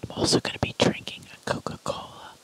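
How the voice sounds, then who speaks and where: A host whispering through an ASMR eating parody, deadpan, with crude jokes and swearing. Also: fast talker, low-quality recording. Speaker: channel host.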